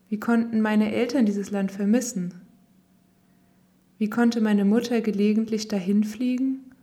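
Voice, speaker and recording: Female reader, warm mellow tone, calm reflective delivery of a written memoir. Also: mid-range voice. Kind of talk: scripted reading of a personal text.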